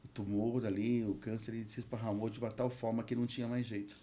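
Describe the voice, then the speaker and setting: Warm-voiced Brazilian pastor telling a story. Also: male voice, on the low side, flat delivery. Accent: Brazilian Portuguese. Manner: earnest storyteller, recites scripture slowly. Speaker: pastor, hospital chaplain. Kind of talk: emotional testimony in a podcast interview.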